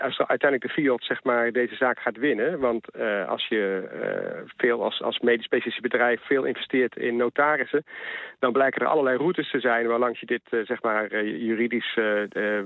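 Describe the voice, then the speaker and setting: A man's voice: mid-range voice, no room sound. A man, a health economist, answering questions on news radio, hesitant with many fillers and restarts. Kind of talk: phone interview on news radio. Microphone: telephone. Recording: tinny phone line.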